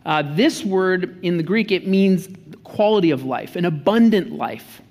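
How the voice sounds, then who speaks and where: A man's voice: high voice, measured pace, a little mellow. A man in his thirties, a pastor giving an earnest sermon, often restarting and repeating his words. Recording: reverberant church hall.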